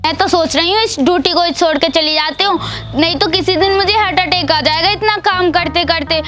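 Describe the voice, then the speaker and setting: Comedy skit: sarcastic muttering maid, played by a woman, high, bright tone, light music under it. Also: fairly quick. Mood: grumbling. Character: grumbling housemaid, fed up with her mistress.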